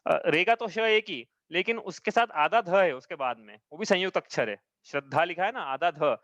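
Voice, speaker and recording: A man's voice: sits high, expressive, fairly bright tone, no room sound. A man teaching a live class, patiently explaining each step and often checking that his students follow. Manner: chants verses slowly. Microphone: own mic, audio only.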